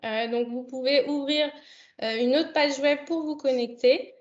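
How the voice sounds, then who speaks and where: Woman, young, high-pitched, hesitant, lots of fillers, online event host, muffled video call audio. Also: a little slow. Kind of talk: hosting a video conference. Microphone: computer mic on a video call.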